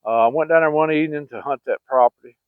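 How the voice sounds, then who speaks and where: A middle-aged channel host tells hunting stories in a slightly high, smooth voice, talking quickly with no room sound in a dry, phone-like recording. His casual tale rambles in a folksy way, full of fillers and restarts.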